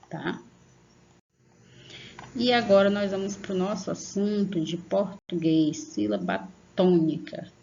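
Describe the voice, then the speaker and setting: Gravelly-voiced teacher woman, patiently explaining. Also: lowish voice, darkish tone, highs cut off, slight background noise. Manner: patient, slow and drawn-out on example words, frequent "tá?" check-ins. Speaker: primary school teacher. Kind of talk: online lesson for young children.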